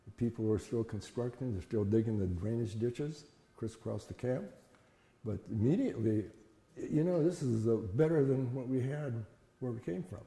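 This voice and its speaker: An older man telling childhood memories in a plain-spoken, folksy, halting interview style. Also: medium pitch, gravelly, warm tone. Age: older, 70s or above. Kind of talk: conversational oral-history storytelling. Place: reverberant indoor room. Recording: echoey room with long reverb.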